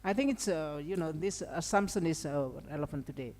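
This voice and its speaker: Deep and a little mellow, the woman's voice moves a little fast as she gives an academic lecture with an Indonesian accent. She's a seminar speaker and language educator, chatty in manner, tossing in informal asides and checking in with "okay" and "right"; long hall reverb is audible.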